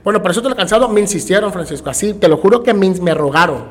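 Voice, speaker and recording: A man's voice: high voice, very fast. A man with a Mexican Spanish accent, a podcast guest telling stories casually and acting out the voices of people he talks about. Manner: animated, acts out the voices of people in his stories. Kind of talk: casual storytelling interview.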